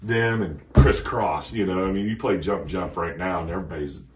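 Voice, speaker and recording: A middle-aged man with a very low, deep voice tells rambling stories and laughs through them. He sits a little back from the mic in an echoey room. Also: normal speed, recorded from a distance, a little hiss or hum. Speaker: podcast guest. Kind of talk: casual chat, storytelling.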